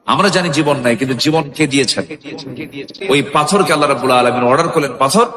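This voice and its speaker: A man preaching a Bengali sermon, telling a story with animated shifts of voice and sudden rising shouts. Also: medium pitch, fast, crowd noise. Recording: echoey hall with long reverb.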